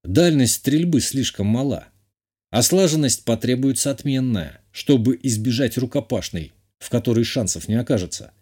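A man reading a first-person audiobook in a measured, even way. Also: medium pitch, husky. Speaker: audiobook narrator. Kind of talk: scripted first-person narration.

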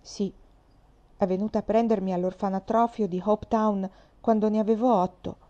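A woman, lightly acting, voices a tough, boastful orphan girl of about twelve who speaks brashly and defiantly. Her voice is medium-pitched, steady and dark, at a normal speed, in a slightly dull lo-fi recording.

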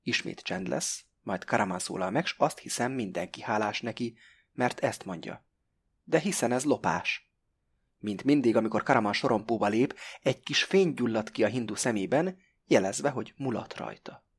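A man narrating a novel in the first person as an audiobook reader, measured and close to the mic. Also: medium pitch, creaky, breathy edge.

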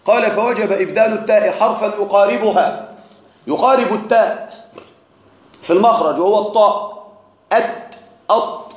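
A man teaching a grammar class, sounding out letters slowly and often checking that his students are following. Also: high-pitched. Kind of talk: classroom lecture on Arabic grammar. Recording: echoey classroom.

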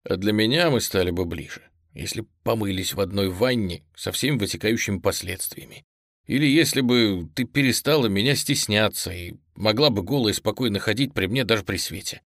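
Blunt young man, gruff and clipped, hushed delivery, performed by a man; dry, close audiobook booth. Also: lowish voice, fairly quick, no room sound. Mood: bitter.

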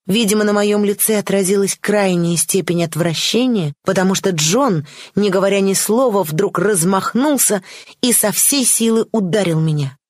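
A woman narrating a classic novel in the first person, steady and expressive. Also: mid-range voice, normal speed, no room sound, studio quality. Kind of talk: audiobook narration.

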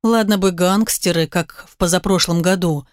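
A woman narrating a romance novel in an even, measured reading. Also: fairly low pitch, no echo, studio quality. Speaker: audiobook reader. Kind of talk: scripted narration.

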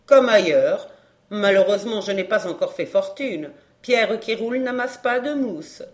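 A woman's voice: medium pitch, expressive, unhurried, close to an everyday voice. Brash fortune-teller woman, as a narrator plays her. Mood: bantering. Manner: bold, bantering, mocking. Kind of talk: audiobook character voice.

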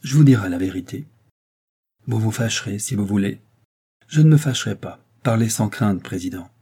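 A man's voice: on the low side, expressive, moderate pace, dark tone, slightly rough. A man voicing a sly, scheming middle-aged man who feigns humble servility, talking in a fawning, wheedling way.

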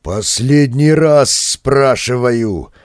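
A man reading an audiobook, voicing a hot-headed cameraman who speaks slowly and insistently. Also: mid-range voice, dry recording, studio quality. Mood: angry.

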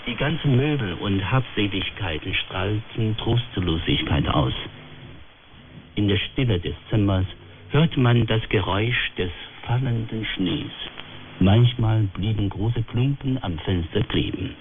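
A man reading a story aloud in a slow, measured narration. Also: on the low side, expressive, phone-quality sound. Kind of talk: scripted narration. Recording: crackly medium-wave radio broadcast.

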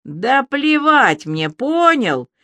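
A woman's voice: big pitch swings, slow pace, fairly bright tone, dry recording, clean studio sound. A reader voicing a drunk, hysterical young woman whose voice rings and strains. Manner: shrill, ringing and strained.

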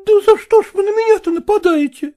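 A woman's voice: very high-pitched, fast talker, dark tone, pitched above the performer's own voice. A woman voicing a timid young daughter who protests tearfully, in an audiobook reading. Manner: tearful, whining.

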